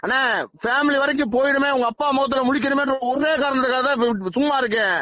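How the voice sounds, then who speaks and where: A man's voice: very high voice, fast, sharp tone, dry recording. A man from Tamil Nadu, a legislator, heard over a phone line making insistent, threatening demands in a heated private call. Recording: muffled phone call recording.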